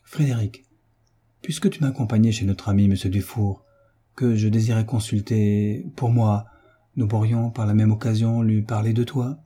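A man reading an audiobook, voicing an anxious, gentle young mother who speaks timidly and pleads. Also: lowish voice, steady tone, moderate pace, husky. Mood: pleading. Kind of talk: audiobook character voice.

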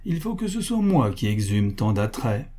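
A man voicing a poised, worldly marquise with a calm, wry manner in a read story. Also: on the low side, normal speed.

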